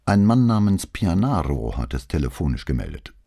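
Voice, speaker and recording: A man's voice: low-pitched, very animated, normal speed, mellow, husky, dry recording, studio quality, heavily acted. A man reading the part of a nervous young policeman who sounds increasingly unsure and apologetic.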